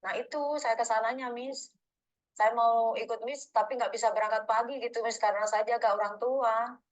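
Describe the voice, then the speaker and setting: A woman's voice: a little high, fairly even intonation, a little fast, rough recording. A woman calling for advice who rambles through explanations, deferentially ending nearly every phrase with "Miss". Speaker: caller, domestic worker abroad. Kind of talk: phone call asking for advice.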